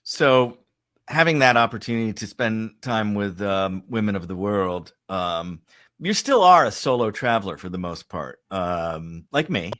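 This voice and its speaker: A man hosting an interview, asking questions in a halting way with many pauses. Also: lowish voice, animated, a bit bright. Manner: halting, many fillers and restarts. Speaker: host. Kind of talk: conversational interview.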